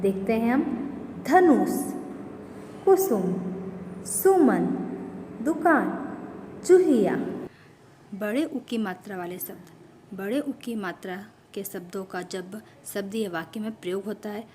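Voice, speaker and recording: A woman teacher giving a Hindi phonics lesson, sounding out example words one at a time in a slow, deliberate way. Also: mid-range voice, dark tone, a little hiss or hum. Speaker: school teacher. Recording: echoey room with long reverb.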